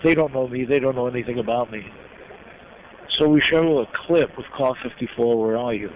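Older male guest from New York, reflective storyteller with frequent pauses; muffled lo-fi recording with steady noise behind. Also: mid-range voice. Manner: reflective, heartfelt, pausing often. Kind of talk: personal storytelling in an interview. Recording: dull lo-fi sound with clear background noise.

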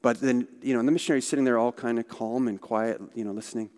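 A man's voice: medium pitch, steady tone, fast talker, darkish tone. A man speaking for a missionary organization, telling stories in a conversational church talk with asides. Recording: long hall reverb.

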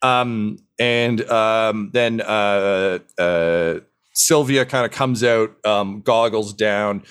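A man's voice: fairly low pitch, very slow, a bit bright, clear, resonant tone. A man narrating as dungeon master in an improvised tabletop game, loose and full of fillers and chuckles.

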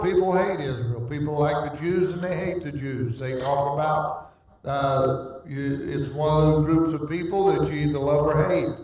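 Man, pastor, slow deliberate sermon, slightly high voice, recorded far from the mic. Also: a little mellow. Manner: slow, deliberate preaching with pauses; solemn scripture reading in old-fashioned wording. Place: church sanctuary. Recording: very echoey, distant church recording.

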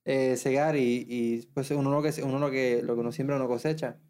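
A man in a casual religious conversation who speaks haltingly, often restarting phrases and quoting scripture. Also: medium pitch, steady tone, dark tone.

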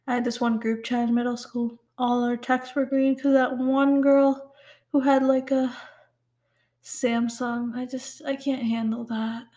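A teenage girl of Pakistani heritage, her pitch fairly high and her tone darkish, hosts a laid-back solo podcast. She rambles and jokes at her own expense, sprinkling in "like" and "um" constantly.

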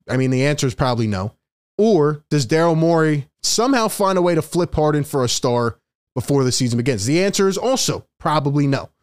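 Casting a man in a sports vlog, fed up and emphatic, raised voice, smooth and crisp tone, dry close sound. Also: on the high side, no echo. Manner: exasperated, emphatic ranting with rhetorical questions. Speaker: sports commentary YouTuber. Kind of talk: solo sports opinion vlog.

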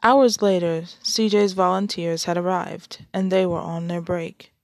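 A woman's voice: on the low side, fairly even intonation, a little slow, creaky, darkish tone, no room sound, studio quality. A woman hosting her own podcast, chatting casually and then reading a story aloud. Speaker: podcast host and story reader. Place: shared home.

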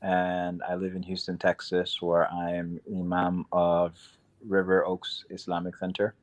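Deep-voiced laid-back New man. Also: completely flat delivery, unhurried. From Queens, New York. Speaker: imam and teacher, podcast guest. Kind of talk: casual podcast chat.

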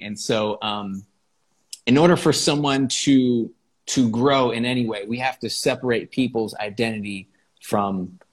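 A man's voice: medium pitch, slightly rough. Explaining man guest, often asks "right?". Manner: explanatory, says "right?" often, casual swearing. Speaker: podcast guest. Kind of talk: casual conversation.

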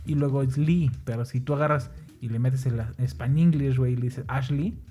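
A man's voice: mid-range voice, fairly even intonation, normal speed, mellow. A young man with a Mexican Spanish accent in casual chat, swearing, joking and arguing between laughs. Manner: crude slang, laughing, argumentative.

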